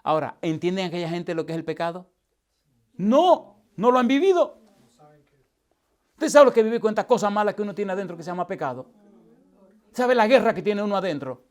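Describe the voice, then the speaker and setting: A man, a pastor teaching a preaching seminar to a live audience, asking constant call-and-response questions and swinging from loud to hushed. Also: high voice, expressive, fast. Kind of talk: lively seminar sermon. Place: church hall with live audience.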